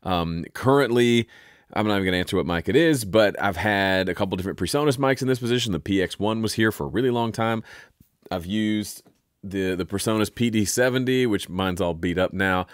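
A man with a deep, resonant voice hosting an audio software tutorial in a relaxed, chatty way. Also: a little fast, clear, resonant tone, no room sound, clean studio sound. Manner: relaxed, chatty, self-interrupting. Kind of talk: casual spoken tutorial.

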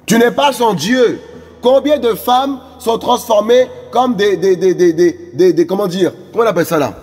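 A male preacher exhorts his listeners with a high, slightly husky voice, circling back on phrases and filler words. His sermon rings with a long reverb, as if in a large hall, and soft music plays underneath. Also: moderate pace. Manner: fervent, repetitive exhortation with many fillers. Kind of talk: evangelistic sermon.

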